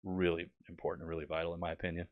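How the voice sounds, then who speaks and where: A young man, a flight instructor, chatting casually as a podcast guest, animated and joking as he tells stories. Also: deep voice, rapid-fire, phone-quality sound. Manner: animated, jokey, acts out quotes. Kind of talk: casual storytelling chat.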